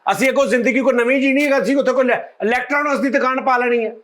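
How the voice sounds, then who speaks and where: A man's voice: extremely high pitch, steady tone, rapid-fire, a bit bright. A man, hosting a comedy call show and teasing with jokes. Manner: joking, teasing. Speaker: show host. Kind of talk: comedic banter.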